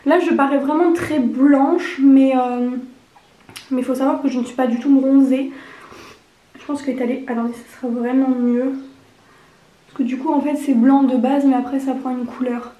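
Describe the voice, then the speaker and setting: A woman's voice: sits high, fairly even intonation, moderate pace, dark tone. A young woman chatting casually through a makeup review, rambling and informal, her voice slightly honking and duck-like from a cold. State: getting over a cold. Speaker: beauty vlogger. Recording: echoey untreated room.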